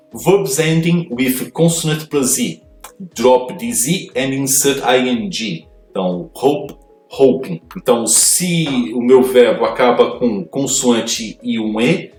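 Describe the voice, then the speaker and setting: A man explains grammar rules step by step, pausing often and filling gaps with hesitant sounds. He sounds set back from the microphone in a reverberant room, with faint music behind him. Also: medium pitch, recorded from a distance. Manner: hesitant, many fillers, mixes Portuguese explanation with English terms. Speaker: English teacher.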